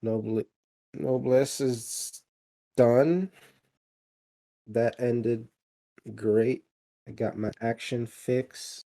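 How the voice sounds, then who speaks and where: A man's voice: mid-range voice, fairly even intonation, drawn-out words, pauses often, warm tone. A man co-hosting a podcast, chatting casually and rambling with lots of fillers and restarts. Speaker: podcast co-host. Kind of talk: casual chat.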